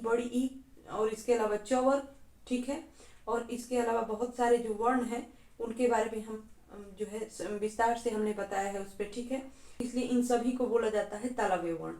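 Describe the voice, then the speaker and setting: A woman's voice: a little high, steady tone, normal speed, mellow, reverberant. A woman from Bihar, India, teaching an exam-prep lesson patiently and step by step, often checking in with the class. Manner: patient, step by step, often says "theek hai".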